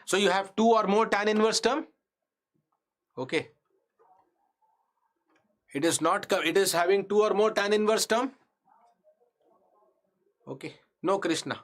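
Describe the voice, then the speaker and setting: North Indian man teaching, higher-pitched voice. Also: measured pace, long pauses. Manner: repeats phrases, asks students questions, mixes Hindi into English. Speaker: engineering exam lecturer. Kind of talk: live online lesson, explaining step by step.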